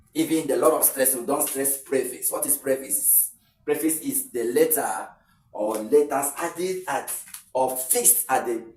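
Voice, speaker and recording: A man teaching an exam-prep lesson, explaining step by step and repeating key words. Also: medium pitch. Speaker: English teacher. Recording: echoey room, mic far off, faint noise.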